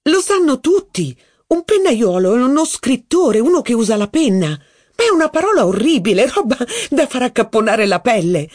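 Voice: mid-range voice, big pitch swings, moderate pace, a little mellow, dry recording, clean studio sound, pitched above the performer's own voice. An audiobook reader voicing a haughty, witty aristocratic duchess, with mocking, theatrical, exclamatory speech. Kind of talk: audiobook reading.

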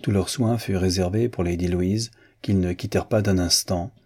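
A man narrates a classic novel as an audiobook reader, in an even and unhurried way. His voice is low, dark and somewhat husky.

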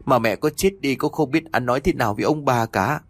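A man's voice: mid-range voice, brisk, dry recording, lightly acted. A man voicing an older mother who speaks in a pleading, trembling way, in a spoken audio story. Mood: fearful. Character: fearful older mother, head of household.

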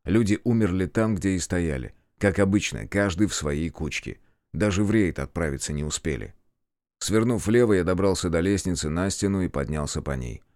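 A man reads a first-person audiobook in a calm, measured way. His voice sits fairly low. The sound is close and dry. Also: no echo. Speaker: audiobook narrator.

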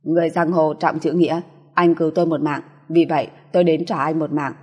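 A cocky, swaggering male mercenary from an audiobook, as a woman reads him, coarse and quick to curse. The voice sits low and mellow with a breathy edge. A long reverb trails each line. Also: flat delivery. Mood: brash.

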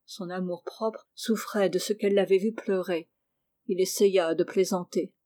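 Woman audiobook narrator, measured expressive storyteller, warm dark tone. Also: on the low side. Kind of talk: scripted narration.

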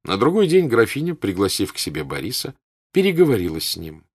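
A man with a husky voice reading literary narration for an audiobook, expressive and melodic. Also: fairly low pitch, brisk. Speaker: audiobook reader.

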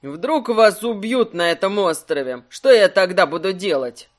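Brief: man doing a clingy, teary young man for an audiobook, high and pleading. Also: a little slow. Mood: whining. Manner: whiny, pleading. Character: timid, tearful young man, a former slave.

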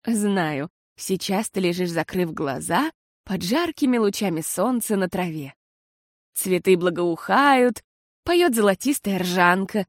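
A woman voicing a patient, tired mother who talks slowly and soothingly. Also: medium pitch, lively intonation, no echo, clean studio sound. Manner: slow and soothing.

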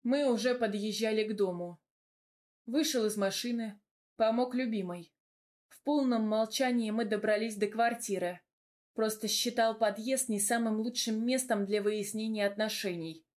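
A woman narrating a first-person audiobook in an even, measured storytelling voice. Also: on the high side.

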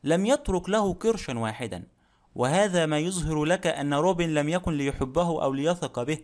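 A man's voice: a little high, expressive, brisk, lightly acted. A man reading an audiobook, voicing a stubborn, self-assured elderly widowed woman who speaks firmly. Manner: firm, self-assured speech.

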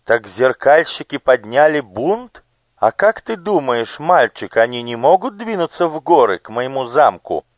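A man's voice: medium pitch, big pitch swings, unhurried, no echo, pitched above the performer's own voice. A man voicing a gracious but cruel noble lady who talks in a coaxing singsong. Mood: surprised, amused.

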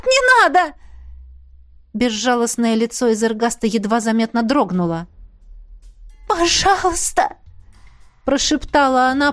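A woman reading an audiobook in a steady, tense storytelling manner. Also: fairly high pitch. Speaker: audiobook narrator. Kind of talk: scripted narration.

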